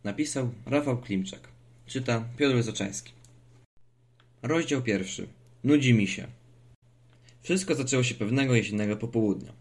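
A man narrating a children's audiobook in a calm, measured reading. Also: mid-range voice. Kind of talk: scripted narration of a children's story.

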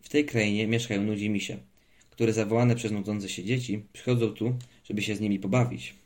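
A man voicing a playful, teasing father who spins a mysterious tale in a hushed voice. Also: lowish voice, steady tone, a little fast, lightly acted. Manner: mock-mysterious, half whispering when telling tales.

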